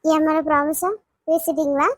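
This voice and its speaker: A woman's voice: high voice, flat delivery, normal speed, a bit bright, no room sound, clean studio sound. A woman voicing a hurt, suspicious young woman who insistently questions her lover in a cartoon. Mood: accusing. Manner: accusing, insistent. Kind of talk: cartoon voice acting.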